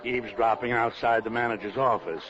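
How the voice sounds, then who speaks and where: An actor playing a suave older career criminal in a 1940s radio drama, speaking with pompous, elaborately formal wording. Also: male voice, medium pitch, steady tone, a little fast, a bit bright, a little hiss or hum, natural voice. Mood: smug, genteel. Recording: dull, narrow vintage radio recording.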